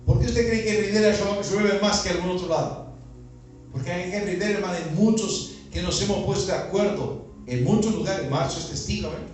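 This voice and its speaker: Outdoors at a neighborhood gathering, a Uruguayan pastor with a markedly high voice preaches in Uruguayan Spanish, firing question after question at the congregation. He speaks fairly quickly with a slightly mellow tone, and the recording is very echoey and distant, with faint music underneath.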